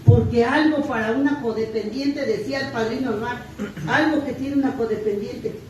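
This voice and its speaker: A woman's voice: on the high side, moderate pace, slight background noise. Middle-aged Mexican woman, raised voice, candid and crude testimony at a meeting, mic far off in an echoing hall. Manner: blunt, earthy, self-mocking confession with crude slang. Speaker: sharer at a recovery group meeting. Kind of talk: personal testimony. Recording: echoey distant room mic.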